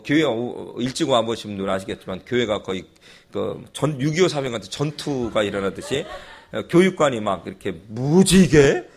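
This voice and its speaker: A man preaching a sermon and telling a personal story in a lively way, with chuckling asides. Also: on the low side, vocal fry. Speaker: pastor.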